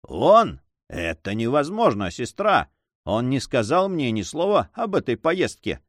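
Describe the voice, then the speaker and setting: Ironic young nobleman, voiced by a male narrator, bantering and lively, storybook hero. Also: medium pitch, measured pace, dry recording, clean studio sound. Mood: teasing. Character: teasing, carefree young nobleman, Don Sancho.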